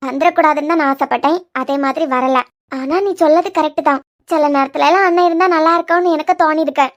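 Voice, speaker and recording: Cartoon role: frank young woman friend, voiced by a woman, Kanyakumari Tamil accent, very high, quick, earnest. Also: fairly even intonation. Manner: earnest, coaxing, quick-talking. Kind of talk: cartoon web series voice acting.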